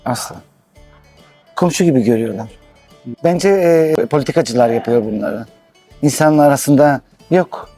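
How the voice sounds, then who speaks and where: A middle-aged man from Istanbul, speaking halting, slightly broken in a casual street interview. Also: medium pitch, mellow, faint music behind. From Istanbul, Turkey. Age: middle-aged to 60s.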